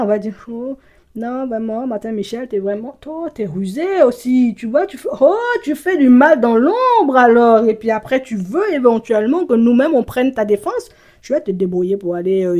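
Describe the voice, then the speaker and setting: A woman talking straight to the viewer in a casual monologue, teasing and mocking as she swings between soft murmurs and loud exclamations, with tag phrases dropped in all the time. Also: medium pitch. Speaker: video creator speaking to the viewer. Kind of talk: casual direct-to-camera monologue.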